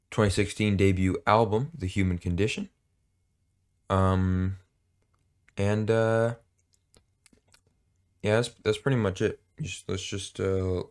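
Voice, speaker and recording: Brief: male podcast co-host, low voice, loose rambling chat, halting delivery. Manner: rambling, hesitant, jokey. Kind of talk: casual chat.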